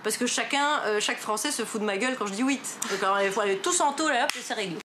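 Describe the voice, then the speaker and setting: A woman's voice: on the high side, fast talker, background noise. A woman speaking bluntly with a sarcastic edge.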